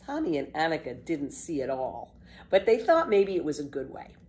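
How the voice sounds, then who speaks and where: A woman narrating a children's book as an expressive, measured storyteller. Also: low-pitched, a little hiss or hum.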